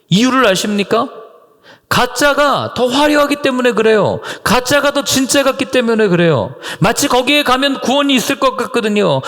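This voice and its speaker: A man preaching a sermon as pastor, animated and at times dropping to a soft hush. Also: very high voice, in a large hall. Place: underground church hall. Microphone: voice recorder.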